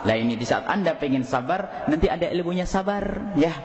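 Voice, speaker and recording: A man's voice: a little high, animated, fairly quick, darkish tone. A male preacher giving a sermon and answering a question, telling stories animatedly and acting out the voices of the people in them. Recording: roomy hall, dull sound, faint noise.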